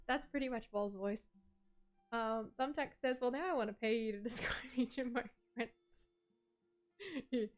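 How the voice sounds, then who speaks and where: Reading viewer messages aloud on a livestream, a woman with a fairly high-pitched voice rambles casually. Her talk is full of "like" and "um," and she laughs frequently.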